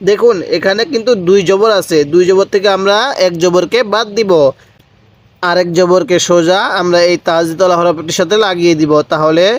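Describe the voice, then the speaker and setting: Patient high-voiced man teaching Quran reading. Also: little pitch movement, normal speed. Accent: Bangladeshi Bengali. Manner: patient, repeats syllables and asks learners to read along. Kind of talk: slow spelled-out recitation lesson.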